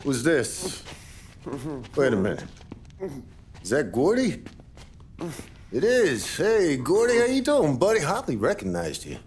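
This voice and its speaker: A man's voice: a little high, very animated, unhurried, pauses often, darkish tone, a little hiss or hum. A wary, eager-to-please union man.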